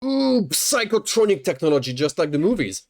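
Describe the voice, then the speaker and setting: In a high-pitched, sing-song voice with a darkish tone and normal speed, a man streams while sarcastically mocking the video he's watching. He jokes and swears throughout this casual reaction, frequently stammering and repeating words.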